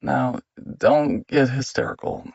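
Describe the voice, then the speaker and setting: A man voicing a controlling, gaslighting husband who barks accusations, with a gravelly, husky voice, recorded dry and a bit muffled. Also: mid-range voice, animated, normal speed, no echo. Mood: condescending. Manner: loud and accusing.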